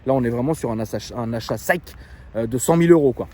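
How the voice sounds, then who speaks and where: A man's voice: mid-range voice, fast, a little hiss or hum. Chatty man vlogging about his car. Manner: chatty, animated, full of fillers. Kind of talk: casual vlog storytelling and car demo.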